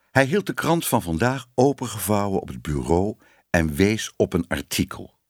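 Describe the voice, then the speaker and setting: A man's voice: on the low side, no room sound, clean studio sound. A man narrating a children's storybook expressively. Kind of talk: storybook reading.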